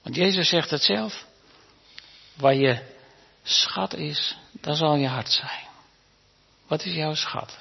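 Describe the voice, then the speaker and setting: A man preaching a sermon to his congregation in a church, talking warmly and conversationally, asking them questions and sometimes restarting his words. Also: a little high, gravelly, breathy edge. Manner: stammering restarts. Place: church hall. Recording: reverberant hall, dull lo-fi sound.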